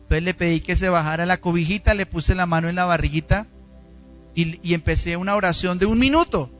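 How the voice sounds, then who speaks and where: A man's voice: a little fast, fairly bright tone, soft background music. A man with a Colombian accent preaching a sermon in a church, emphatic and dramatic, often asking the congregation questions. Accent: Colombian Spanish. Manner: dramatic, emphatic delivery with shifting pitch. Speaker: pastor.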